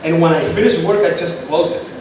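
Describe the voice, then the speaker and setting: A man's voice: fairly high pitch, a little fast, darkish tone. A man with a Chilean Spanish accent, speaking as a guest at a startup event, answering questions emphatically and repeating points for stress. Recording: echoey far-off room with noise.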